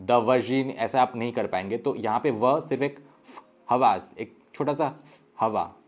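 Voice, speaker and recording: A man's voice: mid-range voice, measured pace. A man teaching a language lesson. He reads foreign words aloud one at a time, then explains the pronunciation rules, dropping English words into his talk.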